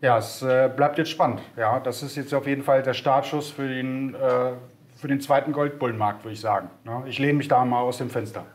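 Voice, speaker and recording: A man co-hosts a broker's casual market show, speaking briskly in a medium-pitched voice with fairly even intonation. He's enthusiastic and offers bold opinions, often closing his remarks with a questioning "ne?"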